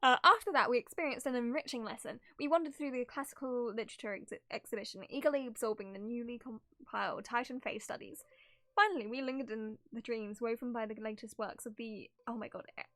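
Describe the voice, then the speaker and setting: This female streamer voices game story passages theatrically, sprinkling giggly, entertained remarks in between as she reacts casually. Her voice is on the high side, quick and sharp-toned, in a dry recording.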